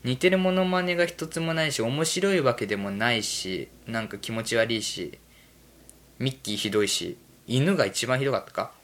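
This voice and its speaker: A man's voice: mid-range voice, animated, normal speed, a bit bright. Rambling self-mocking male podcaster. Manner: rambling, self-mocking, drifts between topics. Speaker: podcast host. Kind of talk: casual solo podcast chat.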